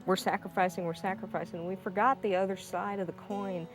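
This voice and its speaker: A woman's voice: medium pitch, steady tone, fairly quick, faint music behind, poor audio. A woman, a rescue volunteer, speaking earnestly and reflectively in a documentary interview.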